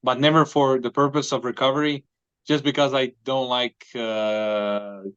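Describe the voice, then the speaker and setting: A man from Croatia, a guest giving measured, thoughtful answers in a casual interview. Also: mid-range voice, steady tone, fairly bright tone, clear, resonant tone. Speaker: podcast guest, arm wrestler. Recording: dull, dry, lo-fi sound.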